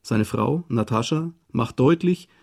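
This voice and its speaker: A man narrating a radio documentary from a script, measured and even. His voice sits mid-range with a dark, mellow timbre. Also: medium pitch, creaky.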